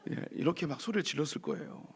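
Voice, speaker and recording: Male pastor, hoarse, slightly raised pitch, lively sermon delivery full of rhetorical questions to the church. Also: very fast. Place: church sanctuary.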